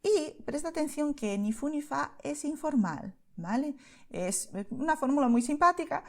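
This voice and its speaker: A woman's voice: sits high, a little mellow. Patient Spanish woman teaching beginners. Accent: Spain Spanish. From Spain. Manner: patient, explanatory, keeps checking in with "¿vale?".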